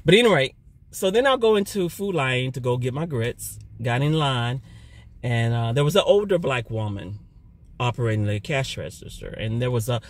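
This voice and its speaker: A middle-aged man giving a casual spoken testimony, talking loudly and telling his story with energy. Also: medium pitch, normal speed. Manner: loud, animated storytelling. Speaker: churchgoer sharing a testimony.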